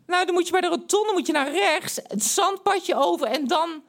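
A man putting on a high, chirpy falsetto voice to give directions over the phone. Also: moderate pace, fairly bright tone. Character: man's own put-on high falsetto phone voice.

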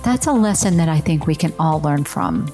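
A woman's voice: low-pitched, lively intonation, normal speed, warm tone, soft background music. A woman from the United States hosting a podcast, introducing and chatting casually with a guest. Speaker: podcast host.

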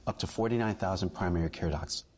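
A man's voice: low voice, fast talker, darkish tone, slight background noise. A man, a dean of admissions, explaining things in an interview with some fillers.

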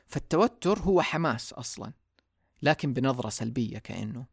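A man talks quickly through a solo podcast episode, thinking out loud in a relaxed, reflective way. His voice has a gravelly, fry-edged texture. The close mic leaves it dry, with no room sound. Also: medium pitch, dry recording. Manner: reflective, casual, mixes in English words. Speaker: podcast host.

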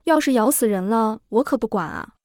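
A cocky young man working at an inn barks orders and brags about himself in a gruff, scolding way, as a woman reading the story puts him on. His voice sits somewhat high for a man. The storybook reading sounds dry and close. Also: lively intonation, a little fast, a little mellow, no room sound, natural voice. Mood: boastful threats. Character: loud young male inn servant, rude and boastful.

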